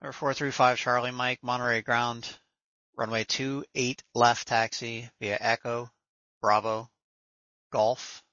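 A man's voice: mid-range voice, little pitch movement, measured pace, pushed and bright, no echo, lo-fi sound. A man working as an air traffic controller, giving procedural instructions over the radio. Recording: dry, band-limited radio audio.

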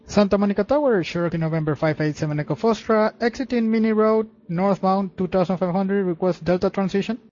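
A male pilot makes radio calls in a high voice. He talks fast with slightly hesitant, informal phrasing. The cockpit radio sounds muffled. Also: a little mellow. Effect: aviation radio transmission. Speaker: private light-aircraft pilot.

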